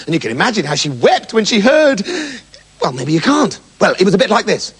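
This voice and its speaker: A man's voice: high voice, very animated, a little fast, husky. A man telling a fairy tale with comic, mock-dramatic asides. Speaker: storyteller.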